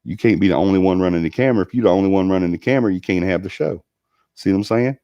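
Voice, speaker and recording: Guy in his 40s, super deep voice, rambles on his paranormal stream w lots of ums, muffled dry sound. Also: rapid-fire, mellow, no echo. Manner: rambling, with many ums and restarts. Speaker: paranormal show host reading live chat. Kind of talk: casual livestream chat.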